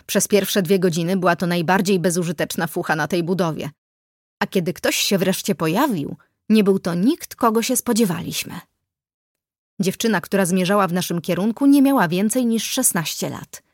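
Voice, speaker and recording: A woman narrating an audiobook in the first person, reading evenly and in a measured way. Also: on the low side, no echo, studio quality.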